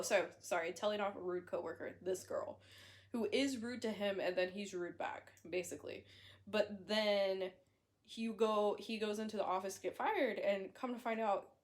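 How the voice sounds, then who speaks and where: A young woman casually recapping a horror story, chatty and blunt, with fillers, self-corrections and the odd swear. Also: mid-range voice. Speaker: book reviewer.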